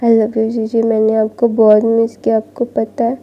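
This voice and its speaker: A woman's voice: fairly high pitch, monotone, unhurried. A woman voicing a cheerful, pampered young man who pleads and sulks, in a casual fan fiction story retelling. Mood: happy. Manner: whiny, pleading. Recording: dull lo-fi recording.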